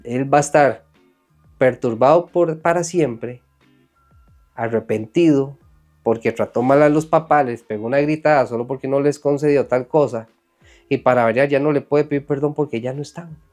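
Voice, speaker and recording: Earnest preacher man over soft guitar. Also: mid-range voice, moderate pace. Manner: earnest, animated, acts out quoted voices. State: sweating from emotion. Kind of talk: sermon.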